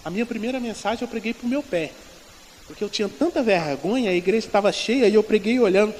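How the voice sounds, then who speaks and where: Brazilian male preacher, high voice, church hall reverb, lively storytelling sermon. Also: fast. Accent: Brazilian Portuguese. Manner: storytelling, acting out quoted dialogue with shifting loudness. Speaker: pastor. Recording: long hall reverb, faint noise.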